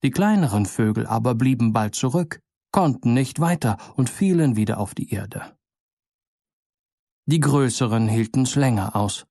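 Male storyteller, mid-pitched, dry close sound, fairy tale reading. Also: gravelly, no room sound. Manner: measured, expressive storybook narration. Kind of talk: fairy tale read aloud.

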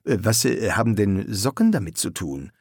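A jittery young scribe, always stammering and hesitating, as a male narrator voices him. The voice is raised and lively. The recording is dry and close. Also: mid-range voice, normal speed, slightly rough, no room sound. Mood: nervous. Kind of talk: audiobook character voice.

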